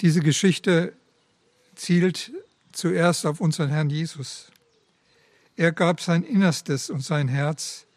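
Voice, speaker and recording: A man's voice: on the high side, a little mellow, dry recording. A man giving a devotional talk in a solemn, reverent way and reading a story aloud. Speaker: preacher.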